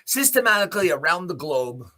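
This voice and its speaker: This Canadian host's voice sits high, sounding pushed, bright, and sing-song as he speeds through an improvised, opinionated rant. He's blunt and sardonic, swears freely, and keeps hitting pointed rhetorical questions.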